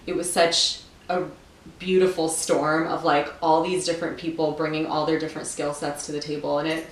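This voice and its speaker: Woman from Ukraine, guest, casual chat, easygoing, lowish voice, distant mic, echoey room. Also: flat delivery, normal speed. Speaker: guest, TV producer. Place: friend's home.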